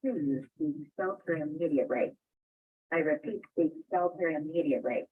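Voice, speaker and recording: An automated emergency warning announcement from an outdoor siren loudspeaker, steady and measured as it repeats its instructions. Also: mid-range voice, breathy edge. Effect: outdoor siren loudspeaker announcement played in a video. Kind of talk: formal public address alert, repeated. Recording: distant outdoor loudspeaker over a tinny call line.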